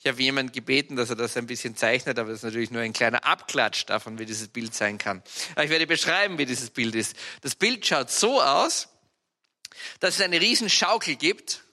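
A man with an Austrian accent preaching a sermon, telling personal stories in a lively, animated way with sudden loud outbursts. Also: medium pitch, fairly quick. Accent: Austrian German.

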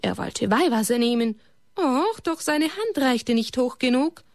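A woman reads a religious story aloud to children, gently turning to them with questions. Her voice is fairly high for a woman and sometimes drops to a whisper. The sound is close and dry. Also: expressive, a little slow, no room sound.

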